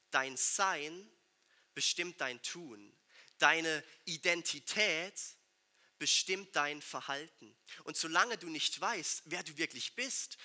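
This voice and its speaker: A man's voice: on the high side, bright, forceful tone. A man giving a sermon to a congregation, speaking emphatically and putting rhetorical questions straight to his listeners. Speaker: preacher.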